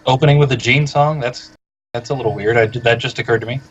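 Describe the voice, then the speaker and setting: A man co-hosting a casual music podcast, low-key and understated in how he talks. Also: steady tone, fast, husky. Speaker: podcast co-host. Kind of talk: casual chat. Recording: dull lo-fi audio with faint hiss.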